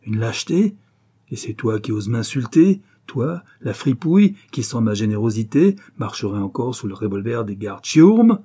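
A man voicing a stern, angry older father who shouts in outrage, with a hoarse low edge. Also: lively intonation, unhurried, long pauses. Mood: furious. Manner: loud, harsh, outraged.

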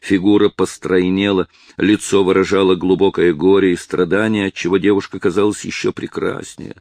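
A man reading a historical novel aloud in a measured, dramatic narration style, recorded close to the mic. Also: low-pitched, level tone, a little mellow, no room sound. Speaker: audiobook narrator. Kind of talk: scripted narration.

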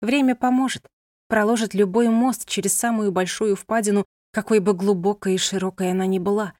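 A woman's voice: mid-range voice, steady tone, a little fast, a little mellow, no echo. Woman narrating a novel, dry close sound. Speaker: audiobook narrator.

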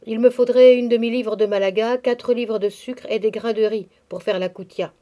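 A woman's voice: fairly high pitch, steady tone, normal speed, mellow, lightly acted. A woman reading the part of a timid male household servant making a plain request.

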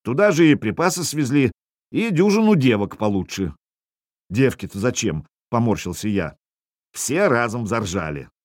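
A man reading a first-person audiobook in a wry, expressive way, voicing the dialogue as he goes. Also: medium pitch, moderate pace, no room sound, clean studio sound. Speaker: audiobook narrator.

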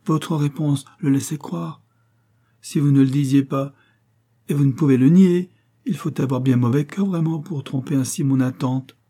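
Guy putting on a pushy begging matron, storybook reading, husky dark voice. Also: on the high side, moderate pace. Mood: indignant. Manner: pleading, insistent, dramatic. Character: wheedling, pushy middle-aged matron.

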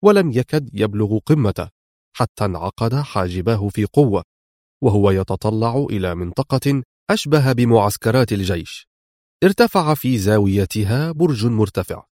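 A man narrating an adventure novel as an audiobook, in steady, dramatic storytelling. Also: on the low side, moderate pace, dry recording, clean studio sound.

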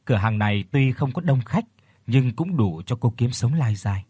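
A man reads an audio story aloud with steady, even storytelling. His voice is a little husky. The recording is dry and close. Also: medium pitch, normal speed, no echo. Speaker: audiobook narrator. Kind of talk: scripted narration.

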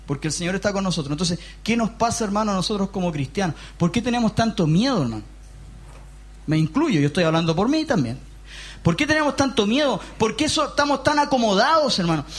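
A man with a Chilean accent preaching a lively sermon in a church hall, emphatic and often raising his voice, with joking asides. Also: very high voice. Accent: Chilean Spanish. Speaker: pastor.

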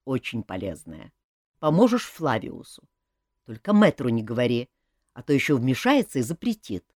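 A woman's voice: rumbling low, sing-song, moderate pace, a little mellow, no room sound, voice pushed down, full character voice. Woman reading a sardonic young king. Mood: gentle. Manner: dry, needling, insistent. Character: sardonic young male king, blunt, worried cousin. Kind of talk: audiobook reading.

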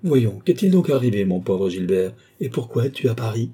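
A man's voice: mid-range voice, very animated, normal speed, warm tone, breathy edge, exaggerated voice. A man voicing a frank, friendly young army captain in an audiobook reading. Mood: cordial.

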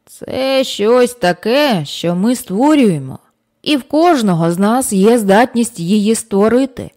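Female narrator doing a wise old man for an audiobook: slow, gentle, patient explainer. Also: on the high side, expressive. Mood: explaining. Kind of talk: audiobook character reading.

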